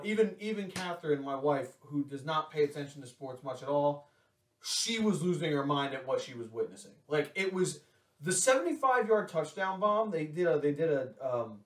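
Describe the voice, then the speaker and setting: A young man co-hosting a casual sports podcast, rambling excitedly with restarts and swearing. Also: on the high side. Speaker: podcast co-host. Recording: echoey room, distant from mic.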